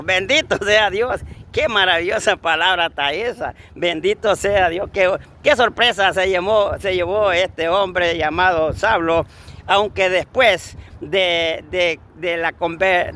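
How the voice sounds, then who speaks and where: A man's voice: high-pitched, pushed and bright, a little hiss or hum. A man preaching a fervent sermon outdoors, repeating blessings and calling listeners brothers.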